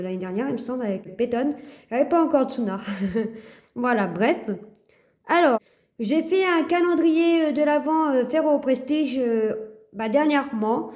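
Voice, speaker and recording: A woman chatting casually to her phone camera in a vlog. Her voice sits a little high but sounds warm and mellow, and she stops often to search for words before she goes on. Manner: hesitant, many fillers and restarts. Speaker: vlogger.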